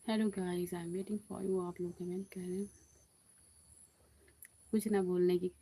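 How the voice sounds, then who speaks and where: A woman hosts a relaxed live stream from a quiet back room, chatting with viewers and answering their comments. Her voice is low-pitched, warm and mellow, and she speaks slowly and unhurriedly. Crickets chirp faintly in the background. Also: husky. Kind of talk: casual live-stream chat.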